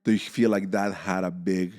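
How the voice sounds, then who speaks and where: A man hosting a podcast in casual chat, halting, with many fillers and restarts. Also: sits low, flat delivery, a little mellow, big-room sound. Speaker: podcast host.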